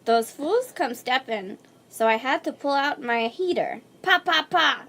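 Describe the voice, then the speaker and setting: A woman's voice: sits high, animated, unhurried, vocal fry, fairly bright tone, a little hiss or hum, exaggerated voice. A woman doing a tough-talking street storyteller as a party-game bit. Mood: swaggering.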